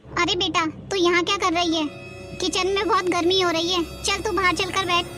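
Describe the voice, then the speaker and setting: A woman's voice: extremely high pitch, little pitch movement, moderate pace, music in the background. A young woman playing a bossy middle-aged mother-in-law who chides her daughter-in-law in a family drama skit. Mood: doting. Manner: bossy, chiding.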